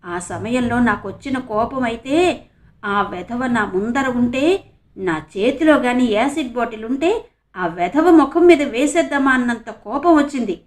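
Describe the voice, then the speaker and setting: A woman's voice: on the high side, lively intonation, a little slow. A woman voicing a tearful college girl. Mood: hurt. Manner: tearful, resentful. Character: tearful young female college student, younger sister. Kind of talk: audiobook character reading.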